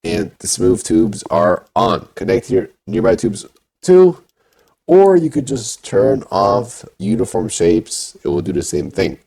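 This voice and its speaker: A man's voice: fairly low pitch, sing-song, unhurried, creaky, dark tone, breathy edge. A man talking through a voice changer, giving a casual step-by-step game tutorial. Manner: plain instructing with filler "you know".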